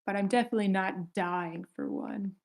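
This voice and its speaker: Casting roles for an online table read, a woman keeps things casual and polite as she organizes everyone on the voice call. She talks at a normal speed with a medium-pitched, steady voice touched by vocal fry.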